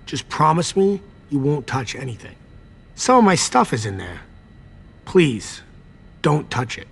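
Scared and pleading, the same jittery vampire garage attendant speaks in an exaggerated, husky, sing-song voice at a measured pace, pitch swinging wildly. Deferential and evasive, he ingratiates himself while hiding a secret in this video game cutscene, eager to please and easily cowed.

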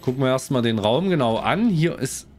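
A man's voice: mid-range voice, brisk, slight background noise. A man streaming a game, chatting with viewers and reading in-game lore aloud. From Germany. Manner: chatty, lively, addresses viewers. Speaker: let's play streamer.

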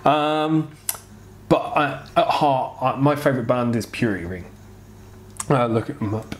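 A man in his thirties talks in a medium-pitched, wheezy voice, short of breath and a little unwell. He answers questions in a casual, frank and rambling style. It sounds like an informal vlog recorded on a clip-on mic at home. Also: steady tone, unhurried. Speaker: vlogger answering viewer questions. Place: home kitchen, indoors. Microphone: clip-on lapel mic.

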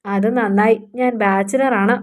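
A woman voicing a harsh, scornful husband who shouts insults at his wife. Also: mid-range voice, steady tone, unhurried, natural voice. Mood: flirting smoothly. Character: harsh scornful husband, middle-aged man.

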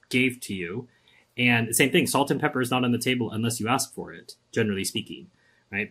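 This Singaporean podcast guest has a medium-pitched male voice with a breathy edge. He tells stories casually and with animation during the interview, acting out quoted people in different voices.

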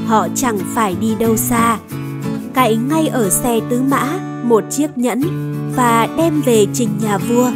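A woman reading a scripted Vietnamese folktale for children in a measured storybook manner. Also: on the high side. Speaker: storyteller narrator. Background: background music.

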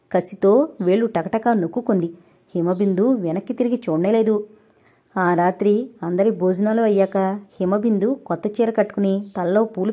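Woman narrator for a novel audiobook, warm mellow tone, reads the dialogue herself with light shifts. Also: medium pitch.

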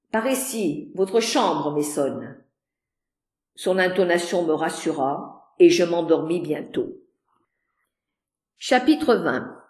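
Slow, measured woman reading a novel. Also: fairly low pitch. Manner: measured and expressive. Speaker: audiobook reader. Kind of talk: literary audiobook narration. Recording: roomy echo.

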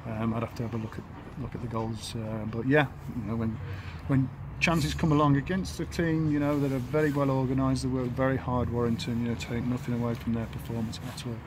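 A man in his fifties, an English football manager, giving a halting post-match interview outdoors by the pitch, full of fillers and restarts. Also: little pitch movement. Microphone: handheld camera at close range. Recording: outdoor noise behind.

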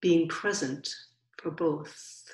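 Short, gentle phrases drift out very slowly, with long pauses in between, as a woman teaches a guided meditation. Her voice sits low for a woman, and the recording echoes clearly, as if in a large room.

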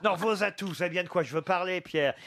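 Quiz host bantering with panelists. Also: male voice, high voice, quick pace, gravelly, music in the background. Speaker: game show host. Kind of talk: radio quiz hosting. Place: radio studio with live audience.

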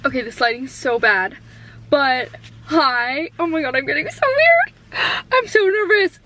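Nervous high-voiced young woman vlogging. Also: very animated, a little slow, bright, forceful tone. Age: 20s. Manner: nervous, giggly, rambling with many likes. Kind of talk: casual vlog chat. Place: in her car. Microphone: camera held in hand.

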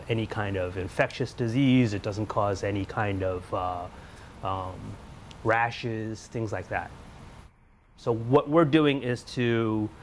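A middle-aged research scientist from Taiwan who grew up in the US talks casually about his lab work in an indoor laboratory. His voice is on the low side, with a bit of hiss or hum audible, and his speech has frequent fillers and restarts.

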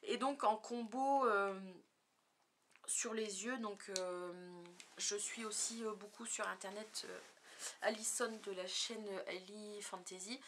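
A woman in her thirties talks through her favorite makeup in a relaxed vlog. She speaks at an unhurried pace, pausing often with fillers. She now and then sinks into a hushed near-whisper. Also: mid-range voice, background noise. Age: 30s. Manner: hesitant, many fillers. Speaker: beauty vlogger. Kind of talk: casual product review.

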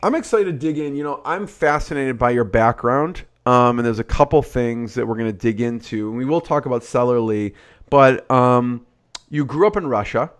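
A man's voice: medium pitch, moderate pace. A man in his forties hosting a podcast, introducing and interviewing in a conversational way. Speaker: podcast host. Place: indoor studio or office, on video call. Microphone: large desktop microphone, close.

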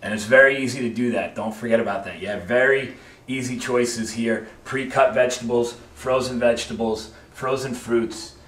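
A man's voice: medium pitch, fairly even intonation, normal speed, a bit bright, roomy sound. A man presenting as a personal trainer in a supermarket aisle, emphatic and coaxing as he gives shopping rules. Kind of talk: instructional presenting.

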